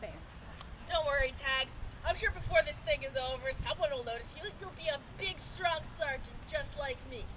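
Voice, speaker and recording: A self-important, bumbling soldier acted by a woman boasts in comic renaissance faire style. The voice is high and cocky, blustering along. Clear outdoor noise surrounds it. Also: normal speed, natural voice. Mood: smug, patronizing. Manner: cocky, blustering, hesitant when challenged. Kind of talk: comic live renaissance faire stage acting. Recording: outdoor live recording, clear ambient noise.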